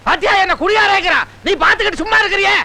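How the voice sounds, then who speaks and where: A man's voice: very high voice, rapid-fire, vocal fry, sharp tone. A man in a film comedy scene, scolding and sarcastic, picking quarrels. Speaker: comic actor in film scene.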